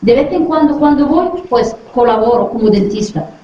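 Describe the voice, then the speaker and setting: A middle-aged dentist from Western Sahara visits a school class, speaking in a friendly way and asking the children questions to check they follow. Her voice is fairly high and dark in tone, with lively intonation at a normal speed and slight background noise. The recording is very echoey, distant and dull lo-fi.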